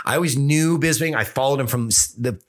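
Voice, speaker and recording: A man's voice: medium pitch, a little fast. A middle-aged man, a filmmaker guest on a podcast, telling stories in casual chat, swearing often and mimicking the people he quotes.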